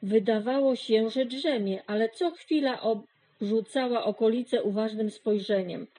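A woman narrating a children's storybook in a gentle, measured way. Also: on the high side.

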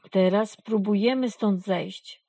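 A woman's voice: medium pitch, slow pace, mellow. A woman voicing an eager, bold young male kitten in a storybook reading. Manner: coaxing and enthusiastic.

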